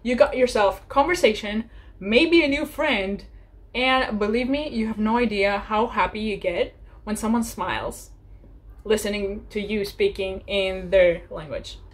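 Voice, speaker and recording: Young woman in her 20s vlogging language tips, chatty and animated, laughs a lot, mid-pitched. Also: measured pace. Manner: chatty and animated, laughs often, acts out little sample dialogues. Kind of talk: casual advice vlog.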